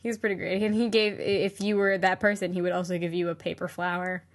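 A woman's voice: fairly low pitch, little pitch movement, fairly quick. A woman co-hosting a podcast in casual chat, rambling with lots of fillers and laughs. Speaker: podcast co-host.

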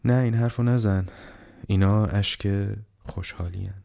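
A man reading the part of a frail, dying old man who speaks slowly, haltingly and on the edge of tears. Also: fairly low pitch, steady tone, vocal fry, dark tone. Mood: gently urging. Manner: slow, halting, tearful.

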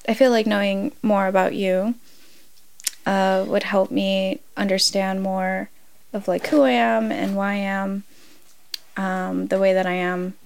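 Young woman, slow and hesitant, creaky low voice, earnest questions. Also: level tone. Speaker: interviewer asking her mother. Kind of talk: personal conversation.

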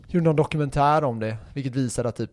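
A man's voice: medium pitch, no room sound, studio quality. A man co-hosting a podcast, telling stories in a rambling, casual way with lots of fillers and swearing. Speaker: podcast co-host.

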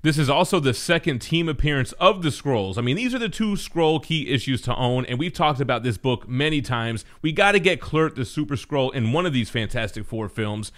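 A man's voice: mid-range voice, lively intonation, a little fast, few pauses. A man co-hosting a top ten countdown, commenting in a casual, slangy presenter style. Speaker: co-host of comic book countdown show.

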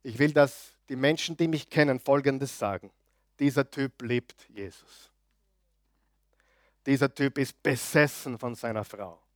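Male pastor, mid-pitched and emphatic, loud-then-soft preaching, dry close sound. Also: a little slow, no room sound. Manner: emphatic, swings between loud declarations and quiet asides; asks the audience frequent questions. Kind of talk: sermon.

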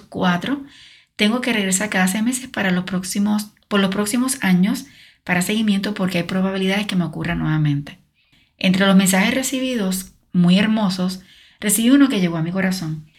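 Woman, middle-aged, faith testimony, earnest, direct address. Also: medium pitch. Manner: earnest, speaks directly to the listener. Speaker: podcast host sharing a personal testimony. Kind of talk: faith testimony told to the listener.

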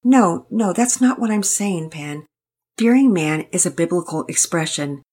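A woman reads a storybook part as a gentle, earnest mother offering calm advice. She speaks unhurriedly and steadily in a low, a little husky voice, with a patient, guiding quality.

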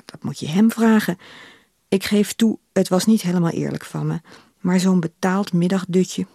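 A woman reading aloud, voicing an older, worldly woman who speaks in a calm, matter-of-fact way, recorded on a close studio microphone. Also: lowish voice, normal speed, gravelly, no room sound. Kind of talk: literary reading.

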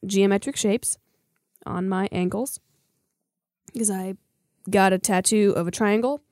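A woman's voice: medium pitch, unhurried, no echo, clean studio sound. Playful young woman in her twenties. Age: 20s. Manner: playful, swears freely, excitable. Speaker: podcast cast member. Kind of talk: casual chat.

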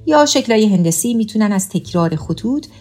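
A woman's voice: mid-range voice, animated, a little mellow. A woman narrating a music lesson in a patient, explaining way, chanting rhythm patterns aloud. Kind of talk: scripted educational narration.

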